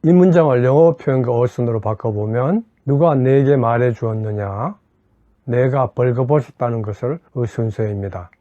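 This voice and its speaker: A man teaching English grammar step by step and leading slow repetition drills. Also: mid-range voice, mellow, no echo. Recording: dull lo-fi dry recording.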